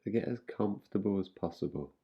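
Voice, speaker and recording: This meditation guide's voice is deep and husky with a creak of vocal fry as he leads a guided yoga nidra session. Each calm, unhurried instruction is followed by a long silence, and the recording lacks its upper frequencies.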